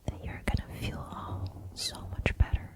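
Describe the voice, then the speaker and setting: A woman giving a gentle, reassuring pep talk in an ASMR whisper, close to the microphone. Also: moderate pace. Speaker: ASMR host.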